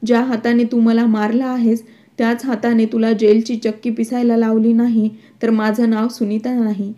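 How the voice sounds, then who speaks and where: A woman voicing a quick-tempered, defiant young married woman in a storybook reading, in a flat read-aloud delivery. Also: fairly high pitch, highs cut off, close to an everyday voice.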